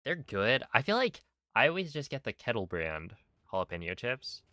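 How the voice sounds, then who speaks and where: A man's voice: mid-range voice, very animated, normal speed, bright, forceful tone, dry recording. A man streaming a speedrun, chatting casually and easygoingly while reacting to his viewers' messages. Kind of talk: casual live-stream chat.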